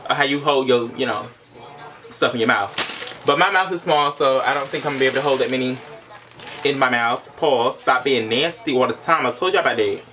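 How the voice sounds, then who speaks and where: A man's voice: mid-range voice, brisk, noisy background. A young man chatting casually to camera as a vlogger, informal and full of playful asides. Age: young adult. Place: small indoor room.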